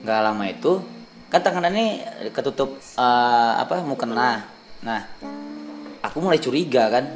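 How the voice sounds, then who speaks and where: A man's voice: medium pitch, normal speed, long pauses, faint music behind. Young Indonesian man telling a ghost story. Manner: animated storyteller, acts out quoted voices. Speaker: vlogger. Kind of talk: casual storytelling.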